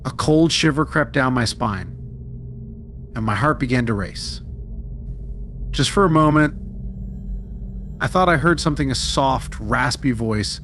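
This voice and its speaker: A man's voice: mid-range voice, a little slow, pauses often, faint music behind. Man narrating a scary story. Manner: steady dramatic storytelling. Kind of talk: scripted horror story narration.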